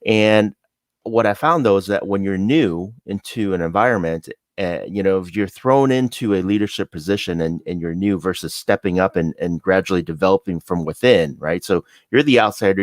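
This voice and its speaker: Deep-voiced man, dry close sound. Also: normal speed, no echo. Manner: thinks aloud, checks in with "right?". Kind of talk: casual interview chat.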